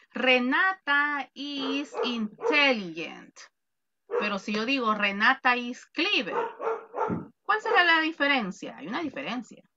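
A woman with a Salvadoran accent teaching an online English class, lively and joking as she quizzes her students. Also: sits high, dull audio, slight background noise. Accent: Salvadoran Spanish.

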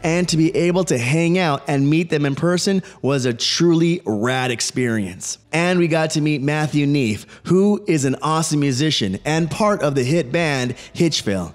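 Enthusiastic guy in his 40s narrating his vlog, kinda high voice, long reverb on it. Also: normal speed, few pauses, soft background music. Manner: upbeat, enthusiastic collector. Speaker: host. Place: home studio with toy shelves.

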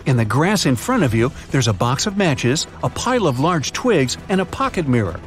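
A man narrating a survival riddle story in the second person, with lively dramatic delivery and quiz questions to the listener. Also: medium pitch, moderate pace, soft background music. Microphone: studio voice-over.

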